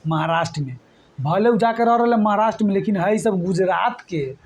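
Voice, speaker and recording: A man's voice: high voice, a little fast, a little mellow, breathy edge. A man teaching an exam current affairs lesson, repeating memory tricks and coaxing his students along. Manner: repetitive, coaxing, addresses students as friends.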